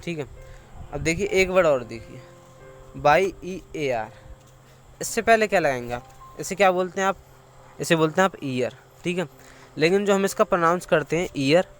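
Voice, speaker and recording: A man teaching English grammar, asking students questions and then answering them in a clear, explanatory way. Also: on the high side, a bit bright. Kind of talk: classroom-style explanation to students.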